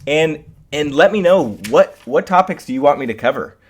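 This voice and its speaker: A man's voice: fairly high pitch, lively intonation, normal speed. A man hosting a live instructional webcast in a casual style, addressing his viewers directly. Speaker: host of a live trading webcast.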